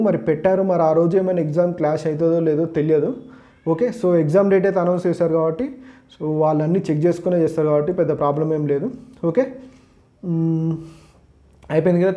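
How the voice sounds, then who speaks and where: A man teaches exam preparation in a quick, slightly high and soft-edged voice. He has a Telangana Telugu accent and freely mixes in English words and phrases. His walkthrough is informal and explanatory, stepping from point to point. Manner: explanatory, repeats "okay, so" as a linking phrase.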